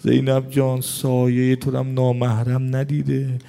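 Gravelly man preaching a mourning sermon, dark mellow voice, chanty and emotional. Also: mid-range voice, completely flat delivery.

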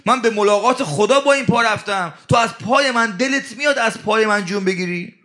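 A man's voice: high-pitched, pushed and bright, voice pushed up. A man preaching who voices an aged prophet, protesting in a raised voice and repeating each point. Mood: indignant. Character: aged prophet, indignant, pleading with death's angel.

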